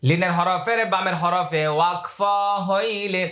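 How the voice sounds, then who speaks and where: Guy teaching quran reading, spells letters out then chants em slow, high bright voice. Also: roomy sound. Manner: spells out letters and vowel marks, then chants the words slowly; repeats key rules and asks the learners questions. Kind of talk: step-by-step recitation lesson.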